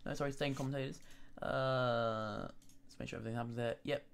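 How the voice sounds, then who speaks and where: Chatty northern English race commentator. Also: male voice, mid-range voice, steady tone, brisk, gravelly, clean tone. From northern England. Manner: chatty, fillers and self-corrections, laughs often. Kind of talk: live esports race commentary.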